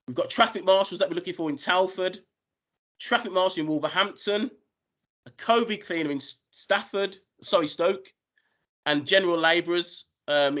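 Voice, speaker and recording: A man's voice: a little high, fairly bright tone. A British man giving an informal business presentation as a recruiter on a video call. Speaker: recruiter presenting job opportunities.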